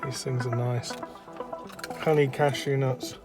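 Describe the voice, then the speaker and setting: A man chatting casually as he films a travel vlog outdoors, relaxed and quick to laugh. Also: mid-range voice, music in the background. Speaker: travel vlogger. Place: outdoors at sightseeing spots. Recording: loud outdoor wind and traffic noise.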